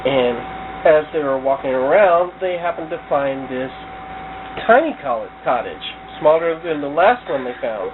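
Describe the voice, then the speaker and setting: A man narrating his turn in a storytelling card game, playful and lively. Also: fairly high pitch, measured pace. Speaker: player narrating. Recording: tinny lo-fi home recording with noise.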